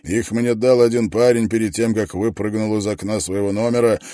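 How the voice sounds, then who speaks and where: A man reading aloud plays a menacing male hunter who mocks and gloats, loud and taunting. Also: lowish voice, fairly even intonation, normal speed, no room sound, clean studio sound, lightly acted. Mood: gloating.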